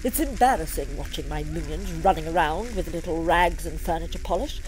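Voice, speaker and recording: A woman's voice: low-pitched, lively intonation, brisk, noisy background. A woman playing an imperious, exasperated Satan in a comic audio drama, with a theatrical manner. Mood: grandiose, vexed. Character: imperious, pompous Satan ruling hell, easily exasperated.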